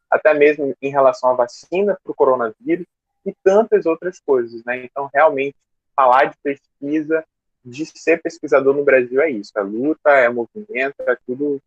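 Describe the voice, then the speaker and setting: A man's voice: medium pitch, no room sound. Guy hosting a live chat, upbeat, talks to the chat, dry dull mic. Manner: upbeat, speaks to the chat audience. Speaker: host. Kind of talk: casual live-stream interview.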